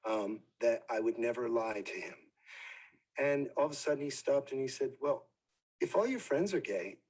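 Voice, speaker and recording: A man from New Jersey, a former preacher, gives an earnest, halting personal testimony for a documentary, sometimes dropping to near whispers. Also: on the low side, a little mellow, husky, low-quality recording. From Wildwood, New Jersey, USA.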